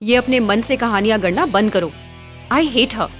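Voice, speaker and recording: A woman voicing a cocky young college man who speaks in a low, smooth, unhurried way. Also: soft background music, lightly acted. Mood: cool smug.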